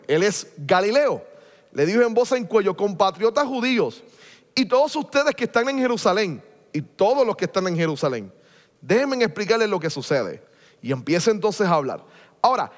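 A man teaching a Bible class who keeps asking his listeners questions and then answers them himself. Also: high-pitched. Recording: long reverb of a large hall.

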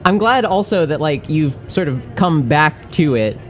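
A woman hosts a live podcast in a bar, laid-back and joking loosely with her guests, laughing often between her many fillers. Her voice is low and animated, her pace measured, with soft music in the background.

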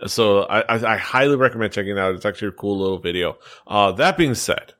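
A man's voice: lowish voice, quick pace, fairly bright tone. A man hosting a casual podcast chat, rambling and chuckling as he talks. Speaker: podcast host.

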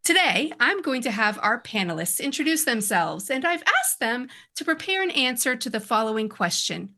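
A woman's voice: on the high side, very animated, moderate pace, bright, forceful tone. A woman hosting a chatty podcast and moderating a panel.

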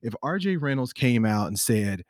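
A man in a casual panel discussion, making an animated, pointed argument. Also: mid-range voice, normal speed, no echo, studio quality.

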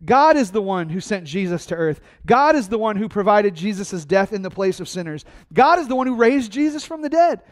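A man preaching a sermon, energetic and conversational, asking his congregation questions and answering them himself. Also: high voice, fairly quick, few pauses. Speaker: pastor.

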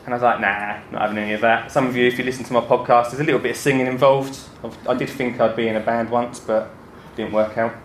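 Male speaker, Essex accent, mid-pitched, informal and jokey stage presenter, roomy sound with some background noise. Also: flat delivery, quick pace. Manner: chatty, joking, self-deprecating. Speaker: gardening podcaster and speaker. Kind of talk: informal stage talk to an audience. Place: indoor talk before an audience, roomy space.

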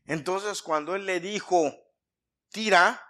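A man preaching a sermon to his congregation, speaking with emphatic swings in volume and clearing his throat often. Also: on the high side, lively intonation, a little slow, sharp tone. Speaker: pastor.

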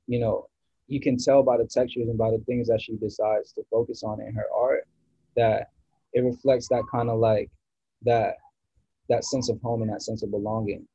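A man's voice: fairly low pitch, flat delivery, moderate pace, dark tone, breathy edge, no room sound, lo-fi sound. A man from the US East Coast, a guest musician in a casual podcast chat, rambling and searching for words with many restarts.

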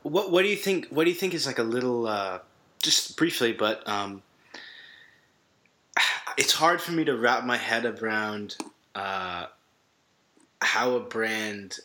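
A man's voice: mid-range voice, sing-song, slow pace, pauses often, sharp tone. A man hosting a podcast interview, asking questions tentatively and hesitantly, with fillers. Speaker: podcast host. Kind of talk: conversational interview.

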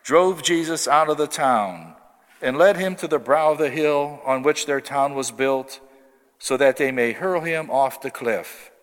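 Man reading scripture in cathedral echo. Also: mid-range voice. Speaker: clergyman reading the Gospel at Mass. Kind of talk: formal liturgical scripture reading. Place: large reverberant church. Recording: long cathedral-like echo in large church.

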